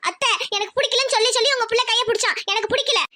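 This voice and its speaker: Lady doing a young village bride for a cartoon, pleading, high bright voice. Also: very fast. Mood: tearful. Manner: tearful, pleading. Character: young village bride, gentle then tearful. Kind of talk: cartoon voice acting.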